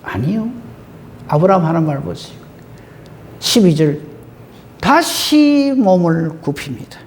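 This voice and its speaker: A male pastor preaches with a high voice that swings widely up and down. He urges and questions his congregation in a lively, exhortative way. A faint low rumble runs under the recording. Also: unhurried. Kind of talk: sermon.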